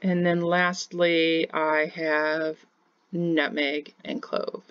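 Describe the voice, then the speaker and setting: A woman in her forties from Kansas, a home bakery teacher, gives a plain step-by-step screen-share tutorial at home, captured by the webcam in the screen share's corner. Her low-pitched voice is smooth and level, she speaks very slowly, and the sound is lo-fi.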